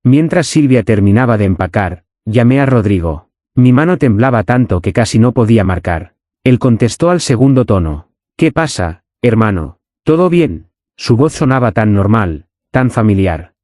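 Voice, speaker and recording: A man narrates a dramatic first-person story. His delivery is intense and his voice is dark and mellow. It is recorded close and dry, with no room sound. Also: lowish voice, animated, moderate pace, no room sound.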